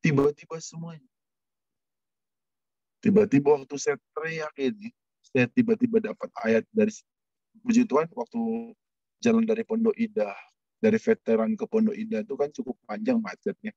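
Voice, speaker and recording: A man preaching a sermon, telling an emotional personal testimony with sudden rises in pitch. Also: animated, normal speed, creaky, long pauses, mellow, dry recording, highs cut off.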